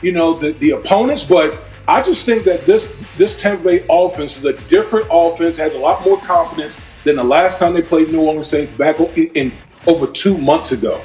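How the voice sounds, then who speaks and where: A man's voice: fairly high pitch, a little fast, a little mellow. A man giving informal football analysis in a sports debate, repeating himself as he makes his points. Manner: informal, repeats himself, says "listen" and "you know". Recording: roomy echo, music behind.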